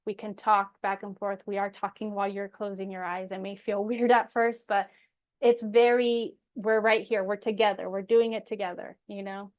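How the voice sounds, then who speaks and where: A woman's voice: medium pitch, little pitch movement, moderate pace, muffled recording. Reassuring woman coach, casual and personal. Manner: encouraging, reassuring, informal with frequent emphasis. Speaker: energy coach presenting her program. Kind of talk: casual, personal program pitch to viewers.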